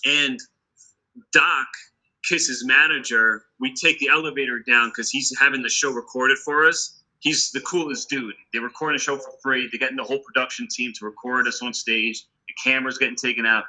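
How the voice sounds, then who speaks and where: Bright-voiced man telling a quick story. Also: medium pitch, steady tone, rough recording. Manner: quick, swearing, punchy. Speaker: guest musician, guitarist. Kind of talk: casual storytelling.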